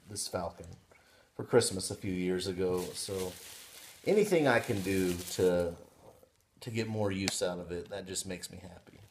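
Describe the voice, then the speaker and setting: A man in his thirties chatting casually on his living room couch, showing off pipe bowls with excited, rambling talk full of restarts. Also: sits low, slight background noise. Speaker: pipe hobby vlogger. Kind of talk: casual unboxing vlog.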